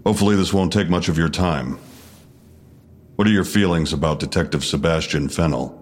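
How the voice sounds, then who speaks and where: In a full-cast audio drama, a man with a very low, steady voice plays a stern police detective running an interrogation. His questioning is measured and probing, with a sardonic needle.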